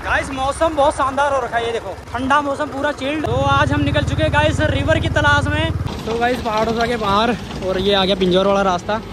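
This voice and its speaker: Riding a motorbike for much of the clip, this high-voiced North Indian vlogger narrates a casual travel video in colloquial, exclamatory style and keeps speaking to his viewers. His intonation stays fairly even and his pace a little fast, over a noisy outdoor action-camera track full of traffic and street sounds.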